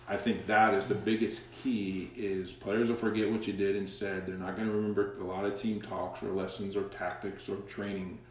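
A man, a coach being interviewed, telling stories in an animated way. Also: fairly low pitch. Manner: animated storyteller, acts out quoted dialogue. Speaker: guest, soccer coach. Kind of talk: casual interview storytelling. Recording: very echoey room, far from the mic.

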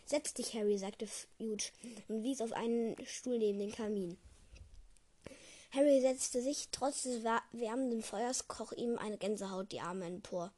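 Woman, fairly high voice, casual read-aloud, stumbling, self-correcting. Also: unhurried, warm tone. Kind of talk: casual reading aloud of a book.

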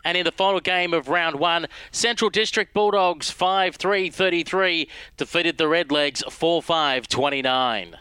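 Male radio sports host, bright crisp voice, brisk fixture reading, dry studio sound. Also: a little high, dry recording. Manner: brisk, reads fixtures and results.

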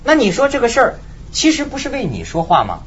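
A man's voice: very high voice, wildly swooping pitch, quick pace, fairly bright tone, slight background noise. A man hosting a talk show in casual chat, telling stories animatedly and laughing often. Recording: slightly muffled broadcast audio.

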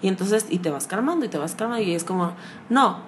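A woman's voice: medium pitch, expressive, fast, slight background noise. Mexican woman co-host, casual, blunt and slangy, young adult. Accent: Mexican Spanish. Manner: frank, slangy, laughs often. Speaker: podcast co-host. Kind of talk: casual chat.

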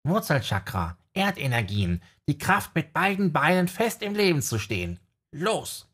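Man putting on a chirpy, husky little owl. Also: fairly low pitch, big pitch swings, moderate pace, a bit bright, full character voice. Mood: guiding. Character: small fussy know-it-all male owl familiar. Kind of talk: audiobook character voice.

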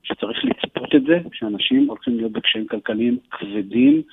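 A man speaking as a radio interview guest, earnest and urgent, often pausing with hesitations. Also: mid-range voice, wildly swooping pitch, vocal fry, breathy edge. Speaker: interview guest, economic educator. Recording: tinny phone line.

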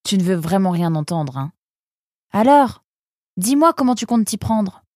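A woman's voice: medium pitch, very animated, a little slow, a little mellow, no echo, clean studio sound. A woman voicing a male creature who scolds his friend in an exasperated, reproachful way, in a storybook reading.

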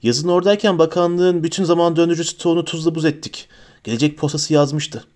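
A man's voice: a little high, fairly even intonation, brisk, a little mellow, lightly acted. Male reader doing an earnest schoolgirl witch, timid, slightly raised voice, storybook.

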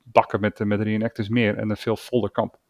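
This podcast co-host, a man with a Dutch accent, speaks briskly and flatly in a low, darkish voice, captured with studio quality and no room sound. In the casual discussion he comes across as agreeable yet hesitant, with many restarts and fillers.

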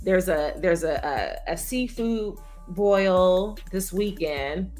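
Slow-talking Midwestern woman, playful. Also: on the low side, animated, a little mellow, soft background music. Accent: Chicago-area Midwestern. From Gary, Indiana. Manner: playful, laughs often, coaxing questions. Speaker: interviewer and voiceover artist. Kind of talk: casual chat.

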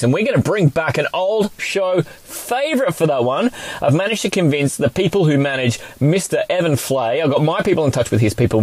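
A man's voice: medium pitch, darkish tone, no room sound. Matey Australian man hosting a podcast. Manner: matey and informal. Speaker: podcast host. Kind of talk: casual sports podcast chat.

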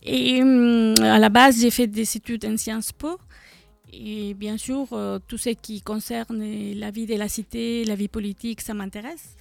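A middle-aged Mexican woman, co-founder of an association, is a guest in a live radio studio interview and speaks hesitantly with lots of fillers in a Mexican Spanish accent. Her slightly high voice is creaky, steady in tone and measured in pace.

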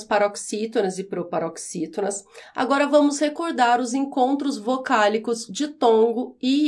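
High-voiced teacher. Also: female voice, a little mellow. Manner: slow, clear, syllable-by-syllable explanations. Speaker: Portuguese teacher. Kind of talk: podcast language lesson.

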